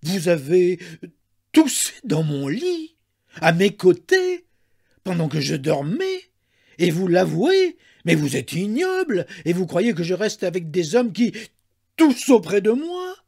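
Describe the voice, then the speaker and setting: A man's voice: huge pitch swings, slow, vocal fry, slightly rough, full character voice. A man voicing an indignant, hysterical young woman who shrieks in outrage at her lover. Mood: furious. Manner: shrill, outraged shouting.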